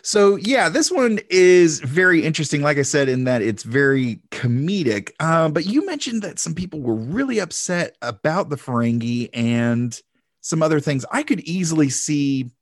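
Gravelly man hosting a podcast, dry sound. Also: on the high side, sing-song, normal speed, no echo. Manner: chatty, loose, jokey recapping. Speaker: podcast host. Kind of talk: casual podcast chat and episode recap.

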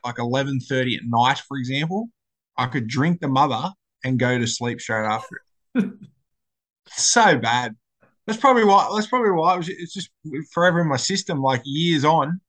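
A man's voice: medium pitch, moderate pace, fairly bright tone. An Australian man in casual podcast chat, telling stories and repeating phrases for emphasis. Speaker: podcast co-host.

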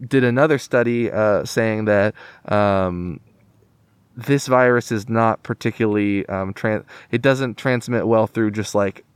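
An American man hosting a casual podcast interview, his voice slightly muffled by a face mask, phrasing things in a halting, hedging way. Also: fairly low pitch, clean tone, dry recording. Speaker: podcast host. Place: outdoors at a school playground. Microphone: podcast microphone, spoken into through a mask.

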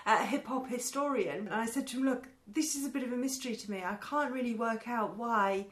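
A woman hosts a podcast. She explains her research informally, as part of a relaxed chat. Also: a little high, brisk. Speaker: podcast host.

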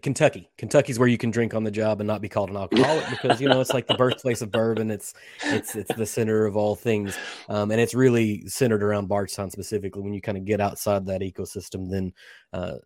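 Low-voiced man hosting a dry-sounding interview. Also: no echo. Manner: discursive, illustrates points with stories and quotes. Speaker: podcast interviewer, host. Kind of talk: conversational interview.

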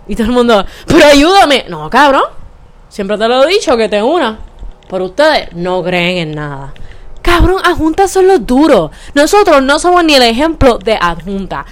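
A young woman with a Puerto Rican accent delivers a heated, profane monologue. She speaks in a slightly high voice and drops English words into her talk. Her manner is blunt and fired-up. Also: big pitch swings, normal speed. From Puerto Rico. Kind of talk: casual ranting monologue.

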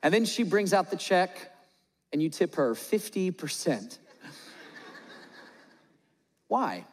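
A man's voice: sits high, very animated, slow, in a large hall. A man preaching a sermon to his church, playful and joking with the congregation, acting out little scenes. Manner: acts out little scenes in voices. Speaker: pastor. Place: large church hall.

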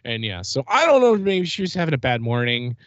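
A man hosting a podcast, telling an animated story in casual chat and acting out dialogue. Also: medium pitch, quick pace, no room sound, muffled recording. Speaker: podcast host.

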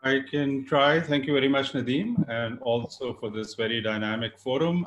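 A man's voice: mid-range voice, fairly bright tone. A man speaking formally and in a considered way as an expert panelist in a webinar. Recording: roomy, echoey webinar audio.

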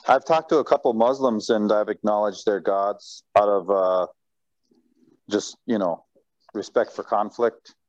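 Man, low voice, rambling storyteller in Bible study, dry muffled sound. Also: measured pace, a little mellow, no room sound. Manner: rambling, many fillers and restarts, recounting conversations. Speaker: study group member. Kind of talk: casual Bible study discussion.

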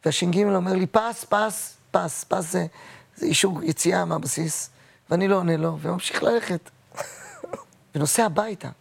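A man in his sixties, gravelly and husky. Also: high-pitched. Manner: emotional, halting, repeats himself. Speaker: guest, actor and comedian. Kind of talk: personal interview storytelling.

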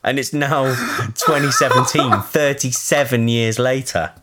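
Man, thirties, mid pitch, playful rambling co-host banter. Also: fairly even intonation, pushed and bright, a little hiss or hum. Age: 30s. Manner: jokey, rambling, quick bursts. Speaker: podcast co-host. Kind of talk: casual podcast chat.

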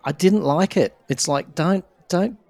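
A man's voice: sits high, unhurried, creaky, no room sound. Man with a fading voice. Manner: warm, reassuring and enthusiastic. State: losing his voice. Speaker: podcast co-host. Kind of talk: casual fan chat.

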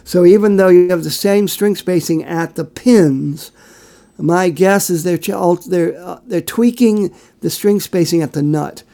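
A man's voice: sits high, measured pace, gravelly, dark tone. A man co-hosting a podcast, giving long, rambling, detailed explanations in casual chat with many fillers. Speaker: podcast co-host.

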